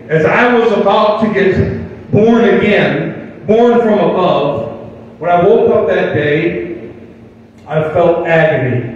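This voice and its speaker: Older male pastor, folksy sermon, raised pitch, distant mic with faint room noise. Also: lo-fi sound. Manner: folksy preaching with rhetorical questions. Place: church sanctuary. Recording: distant mic in a reverberant hall with faint ambience.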